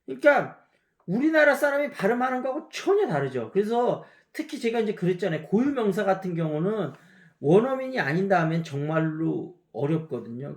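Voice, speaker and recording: A man's voice: high voice, echoey room. A man in his fifties with a slight Gyeongsang Korean lilt, an English teacher chatting through a pronunciation lecture and demonstrating words aloud.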